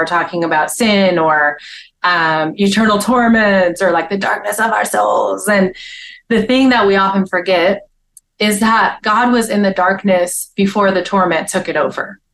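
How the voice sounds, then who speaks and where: A woman's voice: medium pitch, normal speed, a bit bright, a little hiss or hum, poor audio. A woman guest, a speaker and author, talking earnestly about her faith in a casual interview, with frequent restarts.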